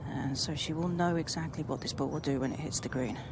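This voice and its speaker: A woman giving live golf analysis in a measured, explanatory manner. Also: deep voice. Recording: noisy outdoor broadcast ambience. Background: outdoor golf course ambience.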